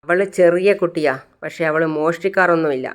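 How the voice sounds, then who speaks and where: A soft-spoken young mother comforts her child in a storybook tale, as a woman narrator puts her on. Her voice is smooth and fairly low. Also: a little fast, close to an everyday voice. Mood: concerned. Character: gentle protective young mother.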